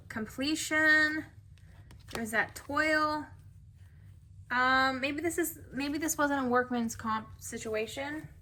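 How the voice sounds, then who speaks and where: A woman's voice: fairly high pitch, sharp tone, slight background noise. A woman giving a casual tarot reading to camera, musing and chatty with many fillers. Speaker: tarot reader. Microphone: camera mic.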